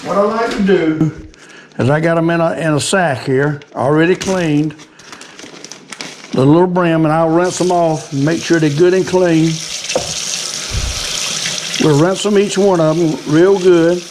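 A man's voice: a little high, unhurried, long pauses, background noise. An older man with a Southern US accent, talking viewers through a how-to in a folksy old fisherman manner, often repeating his phrases. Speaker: cooking and fishing video host. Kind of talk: casual how-to chat.

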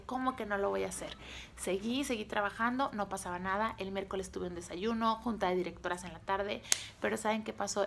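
A woman's voice: medium pitch, vocal fry, a little hiss or hum. A woman with a Mexican accent, a sales team leader, telling a motivational story to her viewers in short, punchy phrases. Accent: Mexican Spanish. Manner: animated, acts out dialogue, punchy short phrases.

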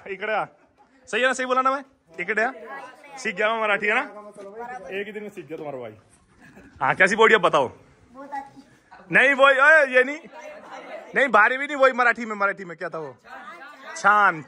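A man's voice: high-pitched, a little fast, pauses often, some chatter behind. A man vlogging outdoors at a hilltop fort, joking and chatting with passersby. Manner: excitable, joking, calls out to strangers. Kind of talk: casual vlog chat with passersby.

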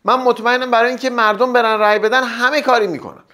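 Brief: young man, comedy host, voice sits very high, teasing jokey monologue patter. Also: fairly even intonation, bright, forceful tone. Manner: joking, teasing banter with quick asides. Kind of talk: satirical stand-up monologue.

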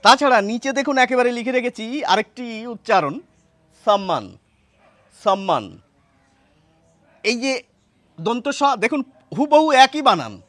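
High, lively man teaching pronunciation. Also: dry recording. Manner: explanatory, pointing to a written board, repeating words to demonstrate. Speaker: language teacher. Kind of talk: pronunciation lesson.

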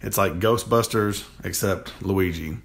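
A young man co-hosts a casual gaming channel chat from a home room with games on the shelf behind him, rambling enthusiastically and often repeating himself. His deep voice is a little slow with vocal fry, heard over a noisy crowd in an echoey room.

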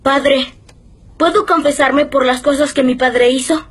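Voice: sits high, fairly even intonation, a little slow, a bit bright. A child actor playing an earnest altar boy, confessing solemnly in a confession booth in a film drama. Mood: contrite.

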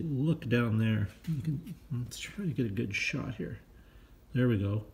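Mellow and medium-pitched, this man's voice is roughened by smoke. Holding his phone camera in his garage workshop, he casually narrates a car repair, rambling and filling gaps as he works with the parts.

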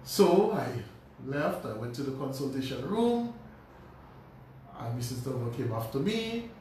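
A man, a pharmacist telling his life story as a radio guest, animated, restarting and repeating words. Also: medium pitch, a little slow, recorded from a distance. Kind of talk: personal storytelling in a radio interview. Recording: very echoey room, voice from off-mic, faint noise.

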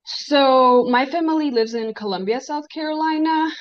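A woman in her twenties from the Dominican Republic, a guest on a podcast, talking in a friendly, relaxed way over a video call. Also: high-pitched, normal speed. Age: 20s. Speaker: guest, esthetician. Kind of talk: casual interview chat. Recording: dull video-call audio.

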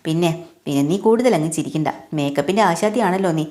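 A woman's voice: on the low side, lively intonation, fast, darkish tone, close to an everyday voice. Woman voicing a vain teasing old man. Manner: teasing, boastful.

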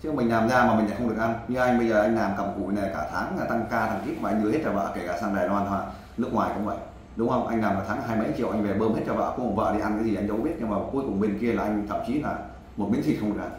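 With a fairly low voice and a very fast delivery, a volunteer advisor lectures a man who is looking for his wife. He is blunt and repeatedly talks over him. The recording comes from an echoey room with faint background noise.

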